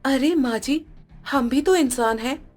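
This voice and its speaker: Lady voicing a higher, outspoken cartoon bahu, pleading, slow. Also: faint music behind. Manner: pleading, questioning. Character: outspoken young daughter-in-law.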